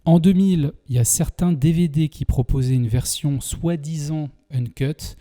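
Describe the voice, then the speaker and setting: With a dark voice on the high side and a moderate pace, a man with a French accent gives chatty video commentary on a film. He keeps hesitating, filling gaps and restarting.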